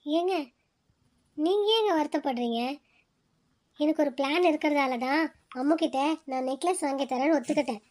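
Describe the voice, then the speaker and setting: A voice actor doing a gentle, high-voiced cartoon wife. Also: moderate pace, pauses often, natural voice. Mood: soothing. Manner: soothing, gentle. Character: kind, calm young wife, gentle and selfless.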